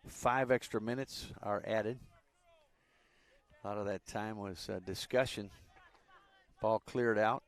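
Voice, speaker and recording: A man with a fairly low voice calls a soccer match live. His delivery is relaxed and conversational, with plenty of fillers between the plays. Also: slow pace, pauses often. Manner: relaxed, chatty, with frequent fillers. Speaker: play-by-play commentator.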